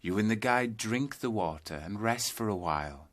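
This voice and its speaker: A man guides a scripted yoga nidra meditation, narrating a journey through calm, measured storytelling addressed to "you." His voice is on the low side, animated, and a bit bright.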